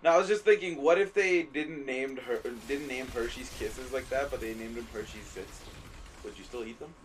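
A man joking crudely and excitably with friends during a casual let's-play session. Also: mid-range voice, moderate pace, a little hiss or hum, poor audio. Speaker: gamer playing with friends.

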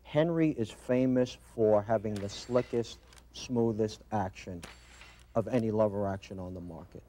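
A man's voice: on the low side, a little slow, dark tone, a little hiss or hum. A middle-aged man with a Brooklyn accent talking conversationally as a company owner in a studio interview. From Brooklyn, New York. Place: TV studio set, indoors. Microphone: lapel mic.

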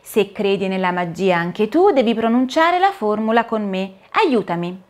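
A woman voicing a kind, gentle young princess heroine with a sweet, soothing way of speaking. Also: mid-range voice, animated, moderate pace, close to an everyday voice.

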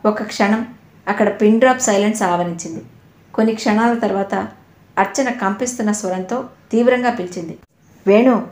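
A woman narrating an audio novel with expressive storytelling. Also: medium pitch, brisk. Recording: roomy echo.

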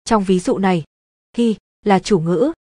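A woman teaching a grammar lesson in scripted narration, explaining in an even, measured way. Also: medium pitch, no echo, studio quality.

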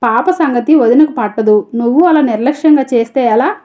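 A woman's voice: high-pitched, fairly quick, narrow, tinny audio, natural voice. A woman reading a storybook, voicing a principled, caring young woman who gives firm, cutting rebukes.

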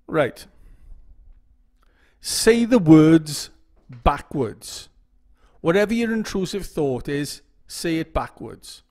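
A man's voice: on the high side, very animated, slow pace, pauses often, dark tone. A man giving casual instructional talk to camera, often repeating phrases and checking in with "okay?". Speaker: YouTube OCD educator.

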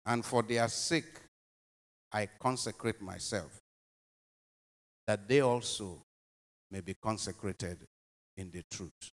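With a long echo like a cathedral's around him, a lowish-voiced priest reads from the Gospel and asks homily questions. He speaks slowly, deliberately and solemnly, each phrase swelling and then fading.

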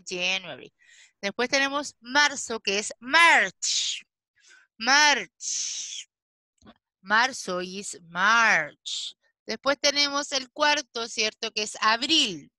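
A woman teaching an English class over a video call. She talks patiently, checks in with the children often, and slows right down to model each English word. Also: on the high side, pushed and bright, no room sound. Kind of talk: online class instruction.

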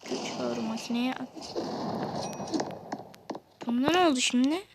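A woman hosting a gaming channel, giving excited let's-play commentary, talking straight to viewers and shouting at rival players. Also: sits high, measured pace, creaky. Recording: noisy home recording.

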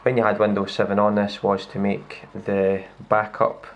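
At normal speed, a Scottish man with a low, gravelly voice runs through a casual hands-on laptop demo as a tech reviewer. He's indoors at a wooden table, relaxed and full of fillers and restarts, recorded by a handheld camera on the laptop screen.

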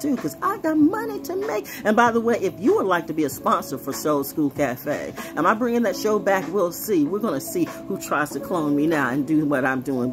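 A middle-aged woman doing a rhythmic freestyle monologue into a phone held close, moving between half-sung rhymes and blunt, confiding asides. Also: low-pitched. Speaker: vlogger doing spoken freestyle. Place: indoors at home on a couch. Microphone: phone held close at arm's length. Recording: phone recording with music playing under it.

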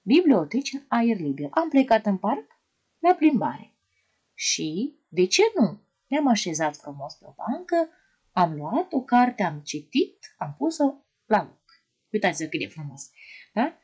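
A woman primary school teacher giving an online lesson to young children, asking them questions in a gentle, sing-song way. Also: medium pitch, big pitch swings, breathy edge.

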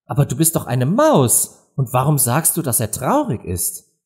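A man voicing a curious, polite little girl in an audiobook, high and eager. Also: wildly swooping pitch, normal speed, a little mellow. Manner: high, eager and wide-eyed. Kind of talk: audiobook character voice.

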